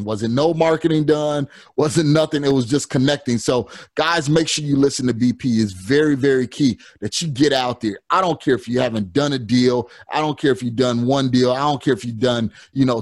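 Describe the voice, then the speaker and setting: A man's voice: medium pitch, moderate pace, few pauses, a little mellow, no echo. A man hosting a podcast, talking in an encouraging way with frequent restarts and repeated words. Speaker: podcast host. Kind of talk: casual podcast talk.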